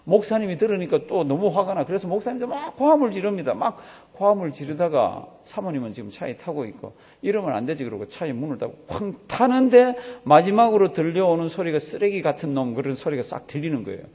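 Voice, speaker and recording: A man's voice: a little high, very animated, fast, few pauses, darkish tone, breathy edge. A man preaching a sermon as a pastor, telling a story and acting out the voices of the people in it. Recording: long hall reverb.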